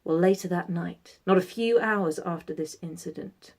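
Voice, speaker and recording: Expressive woman storyteller with dramatic pauses. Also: on the low side.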